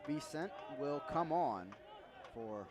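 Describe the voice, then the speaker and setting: Animated but taking his time, a man with a fairly high voice delivers live soccer play-by-play as an announcer, with the ambience of an outdoor stadium behind him.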